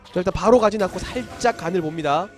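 A man's voice: high-pitched, quick pace, soft background music. A man giving play-by-play commentary on a live game as an esports caster.

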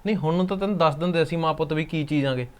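A man plays a rude, scheming Punjabi man with a fairly high voice, talking quickly and sharply. Faint background noise sits behind him. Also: lightly acted. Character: scheming grown son, rude and short-tempered.

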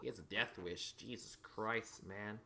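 A young man doing let's play commentary, excitable, yelping and shouting at the game, cracking crude jokes and talking to the characters. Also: lowish voice, a little slow, gravelly. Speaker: gameplay commentator.

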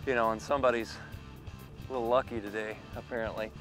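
A man's voice: medium pitch, fast, over music. A man in his thirties hosting a fishing video, explaining technique and cheering catches outdoors on a lake boat. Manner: excited on-the-water banter. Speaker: fishing show host.

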